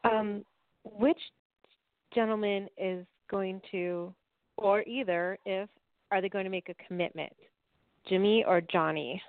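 A woman's voice: mid-range voice, fairly even intonation, unhurried, long pauses, dry recording. Lady caller on a radio show, tinny phone line, dry, kinda hesitant. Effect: phone line on a radio call-in show. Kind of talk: call-in question to a psychic host.

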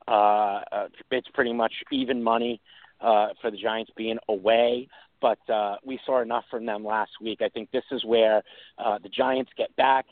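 A man's voice: mid-range voice, dry recording. A man from New York hosting a sports talk show, rambling through picks with many fillers and restarts. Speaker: sports radio host. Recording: dry phone-like line.

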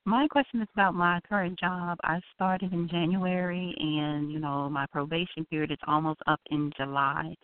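A woman's voice: lowish voice, little pitch movement, normal speed, few pauses, no echo. A woman from Illinois comes through as a radio show caller on a thin, tinny phone line. The sound is dry and close, with no room around it. She asks her questions hesitantly, feeling her way. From Illinois, USA.

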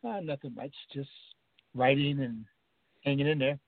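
A man's voice: medium pitch, moderate pace, vocal fry, no room sound. Guy on the phone doing spoken word poetry, rhythmic, tinny line. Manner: rhythmic, emphatic refrains. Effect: over the phone. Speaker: caller reciting his poem.

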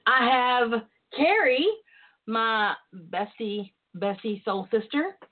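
Slow and animated, with a slightly high voice, this woman hosts her internet radio show solo, chatting casually in a campy, sassy and bawdy way. Her audio has a tinny phone-line quality.

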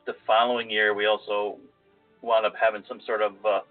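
A man's voice: lowish voice, level tone, brisk. A man co-hosting a casual podcast, talking in a rambling, self-deprecating way with a nasal voice. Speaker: podcast co-host. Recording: phone-like lo-fi audio with faint music.

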